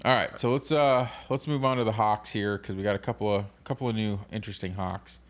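A man's voice: on the low side, fairly even intonation, fairly quick. A man co-hosting a podcast, steadily explaining tabletop game card rules in casual chat. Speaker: podcast co-host.

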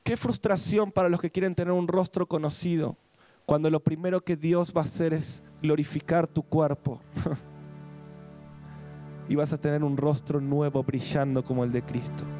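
A man preaching a sermon with an Argentine accent. He reads scripture slowly and emphatically, then moves into quick conversational asides. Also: on the high side, steady tone, dark tone, soft background music. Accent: Argentine Spanish.

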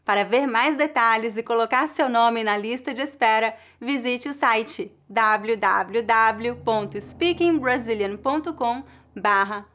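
A woman with a Brazilian accent giving a scripted language lesson, saying model phrases slowly and clearly, then repeating them. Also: a little high, a bit bright. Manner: slow, carefully articulated model phrases repeated at varying speeds. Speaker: Portuguese teacher.

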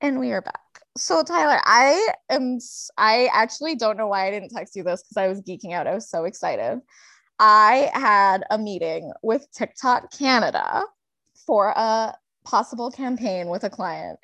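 A woman co-hosting a podcast, chatting excitedly and laughing often. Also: medium pitch, moderate pace. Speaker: podcast co-host. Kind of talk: casual chat.

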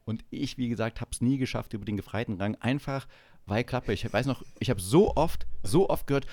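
A man's voice: medium pitch, brisk, dry recording. A man in casual podcast talk, blunt and profane, retelling stories from his military service with energy. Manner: blunt, swearing, acts out shouting officers in anecdotes. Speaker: podcast co-host. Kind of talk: casual chat.

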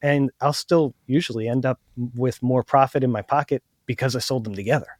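A man's voice: medium pitch, steady tone, fairly quick, darkish tone, no echo, studio quality. A man guest on a podcast chatting casually, cheerfully acting out both sides of haggling. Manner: upbeat, acts out cheerful haggling lines. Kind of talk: casual chat.

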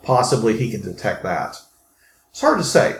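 A male game master narrates and explains a tabletop game. His phrasing is halting, with words repeated as he thinks. He is in an echoey room with clear noise. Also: lowish voice, huge pitch swings. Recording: roomy echo, clear background noise.

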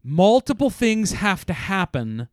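Man, somewhat high voice, smooth and clear, dry close sound, explains technical ideas, restarts often. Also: big pitch swings, measured pace, no room sound. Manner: thinks aloud, restarts, explains terms. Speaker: podcast co-host, voice science. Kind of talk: casual technical discussion.

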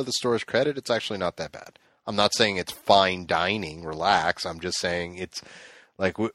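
A man's voice: lowish voice, fairly bright tone, dry recording, studio quality. A man co-hosting a podcast, telling a rambling, profane story in casual chat and laughing often. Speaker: podcast co-host.

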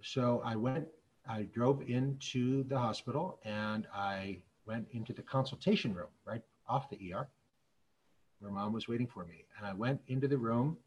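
A middle-aged man, a physician, telling stories in a public talk in an earnest, measured way. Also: medium pitch, slight background noise, poor audio. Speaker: physician and speaker.

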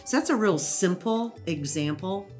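A woman educator explaining thinking skills in a relaxed interview, teacherly and quick to laugh. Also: mid-range voice, soft background music. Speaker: educator guest. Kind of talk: conversational interview.

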